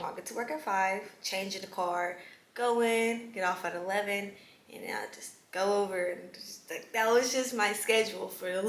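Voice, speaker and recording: A young woman in her late teens telling her story in a casual, chatty vlog, animated and prone to whispered asides. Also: mid-range voice, a little hiss or hum. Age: young adult. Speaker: vlogger. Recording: echoey room with faint ambience.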